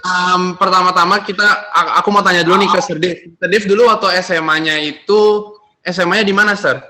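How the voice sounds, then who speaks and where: A teenage boy hosts a school podcast in easygoing chat. His voice is very bright and slightly high, and he talks with frequent fillers and restarts. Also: a little fast. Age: teens. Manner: relaxed, hesitant with fillers. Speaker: student podcast host.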